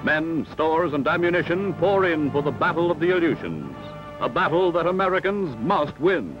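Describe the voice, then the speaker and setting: On a dull lo-fi film soundtrack heavy with loud music, a man narrates a 1940s newsreel. His fairly high voice is expressive and moderately paced, his announcer delivery dramatic and emphatic.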